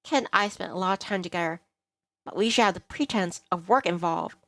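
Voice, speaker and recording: A woman VTuber game streamer reads a visual novel aloud, voicing the characters and narration with dramatic flair over game music. Her voice sits on the low side, a little fast and a bit bright, with no echo.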